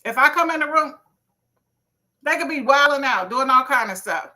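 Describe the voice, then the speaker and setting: Bright, animated woman livestreamer. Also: high voice, moderate pace. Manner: animated storyteller, laughs often, folksy asides. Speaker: livestream host. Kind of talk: casual live-stream chat reading viewer comments.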